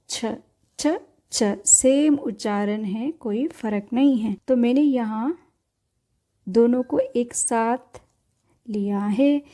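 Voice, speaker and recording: Woman, patient teacher, repeats letters, high-ish mellow voice. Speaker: language teacher. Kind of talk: step-by-step writing lesson.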